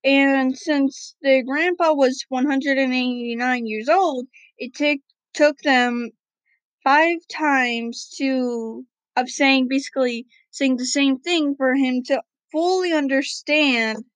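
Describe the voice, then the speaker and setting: A woman's voice: sits high, fairly even intonation, takes it slowly, dry recording, rough recording. A woman casually narrating a homemade story, hesitant and filled with ums.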